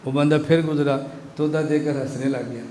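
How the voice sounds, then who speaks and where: A man delivers a sermon-style lecture, often pausing to quiz his listeners. His voice sits fairly high. It rings in an echoey room with a faint hiss of noise. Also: fairly even intonation, dark tone. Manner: rhetorical, keeps asking the audience to answer. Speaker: religious scholar lecturing students.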